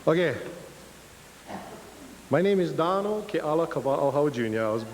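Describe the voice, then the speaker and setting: A young guest speaker from Hawaii, with a Hawaiian Pidgin English accent, gives a casual, joking talk in a lecture hall, coming across nervous and self-deprecating. His voice is a little high with lively intonation at a moderate pace, and the reverberant hall carries a faint hiss.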